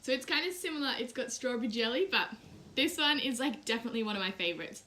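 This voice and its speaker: A young woman with a bright, sharp tone and a somewhat high voice, chatting casually through a live stream. She snacks as she talks, sometimes with her mouth full, and keeps up a friendly, rambling flow. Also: lively intonation, fast. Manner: chatty, eats snacks while talking. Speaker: YouTuber and English teacher in Japan.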